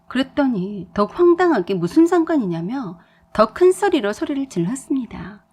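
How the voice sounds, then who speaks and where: Female storyteller, breathy voice, lively pitch, soft scripted narration. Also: moderate pace.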